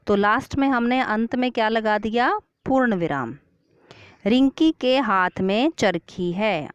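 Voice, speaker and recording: A woman's voice: medium pitch, dry recording. A woman teaching a Hindi grammar lesson to children, asking questions and then answering them herself. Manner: slow, clear classroom explanation. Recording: dull lo-fi sound.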